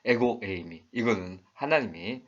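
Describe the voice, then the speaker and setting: Husky-voiced man teaching the Bible. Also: fairly low pitch, lively intonation, moderate pace, fairly bright tone. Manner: conversational, asks rhetorical questions; acts out quoted lines and regional dialects. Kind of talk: Bible study lecture. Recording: dull lo-fi recording.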